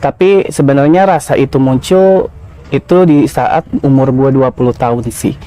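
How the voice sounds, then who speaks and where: Mellow-voiced man in his thirties. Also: mid-range voice, moderate pace. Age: 30s. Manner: casual slangy confessional, many fillers. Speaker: podcast guest. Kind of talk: personal storytelling.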